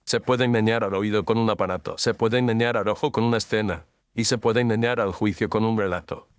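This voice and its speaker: Lightly acted and recorded with clean studio sound and no room sound, this man's lowish voice moves fairly quickly with a clean tone and fairly even intonation. He plays a cool, exacting, middle-aged detective in a radio drama, speaking in precise, commanding pronouncements in a measured mood.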